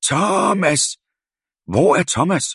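A man voicing a shrill, fussy middle-aged woman neighbour in an audiobook, scolding at full voice. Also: lively intonation, fairly bright tone, husky, no room sound, studio quality, full character voice. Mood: shrieking. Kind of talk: audiobook character voice.

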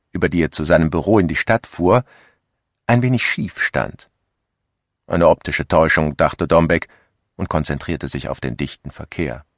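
A man narrating a literary short story as an audiobook, in a calm, measured way, on a close studio mic. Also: sits low, no room sound.

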